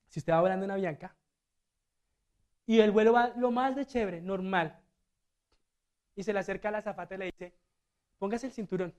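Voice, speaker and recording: A high-pitched man preaches a sermon as a church deacon. He alternates between loud and hushed delivery and acts out the quotations.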